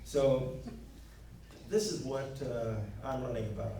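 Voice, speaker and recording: An earnest man delivers his closing statement at a local candidate forum, filling pauses with plenty of "uh"s. His voice is soft and dark in tone. He is picked up from far off in a very echoey hall with a light hum behind him. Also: medium pitch. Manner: earnest, plain-spoken, frequent fillers. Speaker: candidate giving closing remarks. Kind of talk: campaign speech at a local forum. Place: meeting hall.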